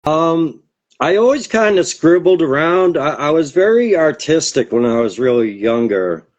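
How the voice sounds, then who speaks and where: A man's voice: fairly high pitch, sing-song, moderate pace, darkish tone, muffled recording. A man from the area, a guest poet talking in a casual interview, rambling and hesitant with many fillers and restarts. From Boston area, USA.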